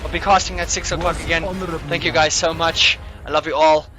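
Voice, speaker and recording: A man's voice: fairly high pitch, flat delivery, fairly quick, bright, forceful tone, soft background music. A man commentating live esports play-by-play like a hype fighting game announcer, calling out big plays.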